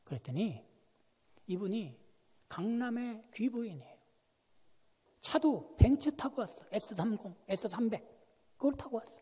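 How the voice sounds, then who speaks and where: Man, guest preacher, high lively husky voice, long hall reverb, sermon storytelling. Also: measured pace, pauses often. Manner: animated storytelling, swinging from hushed to loud. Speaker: guest pastor. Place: church sanctuary.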